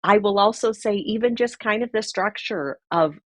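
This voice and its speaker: A woman guest crafter speaking in a calm, measured way in a casual live-stream conversation over a video call. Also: medium pitch, no echo.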